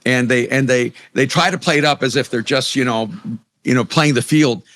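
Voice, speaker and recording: In a conversational interview, a middle-aged native Spanish speaker from El Salvador, who is an author and a pastor, talks earnestly at a moderate pace. His mid-range voice is a bit bright, and he keeps restarting sentences and repeating words.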